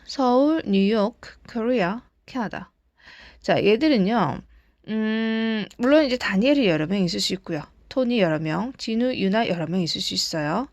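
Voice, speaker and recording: Gravelly-voiced woman teaching grammar. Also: mid-range voice, dry recording. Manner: patient, explains step by step, asks rhetorical checks. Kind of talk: recorded lesson lecture.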